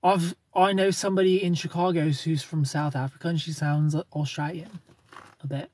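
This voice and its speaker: With no room sound around him, a man in his thirties speaks in a slightly high, a little mellow voice, keeping a steady tone at normal speed. He's in his car, parked at night under neon, chatting playfully on a live stream into a close-held phone. He reads viewers' comments and laughs frequently.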